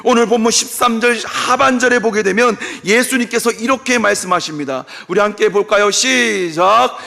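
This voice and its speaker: Male pastor giving a sermon, high bright voice, bit gravelly, big echoey church. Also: moderate pace. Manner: animated storytelling, acting out biblical speakers. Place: church sanctuary. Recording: long church hall reverb.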